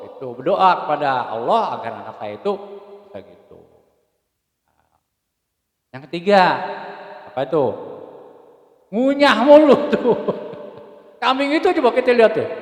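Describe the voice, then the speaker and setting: A man giving an informal, joking religious talk, swinging from loud to hushed. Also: high-pitched. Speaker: preacher. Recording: roomy hall with long reverb.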